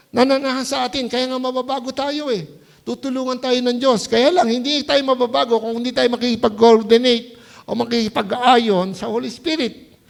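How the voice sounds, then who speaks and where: High, gravelly-voiced male pastor preaching. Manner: keeps asking the congregation "Hello?" to check they follow; mixes English words into Tagalog preaching. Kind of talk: sermon. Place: church service.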